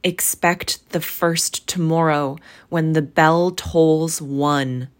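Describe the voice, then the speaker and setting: A woman's voice: deep voice, fairly even intonation, slow. Woman voicing a grieving chained ghost. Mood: solemn. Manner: solemn, grieving, warning. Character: mournful chained ghost of an old businessman. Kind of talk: storybook reading.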